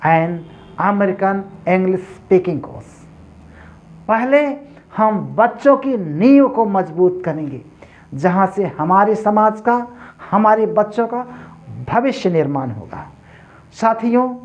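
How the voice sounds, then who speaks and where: Slow, deliberate male teacher. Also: high-pitched, a little mellow, dull audio. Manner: slow, deliberate, repeats words and keeps addressing listeners as friends. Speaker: primary school teacher. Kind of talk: English pronunciation lesson.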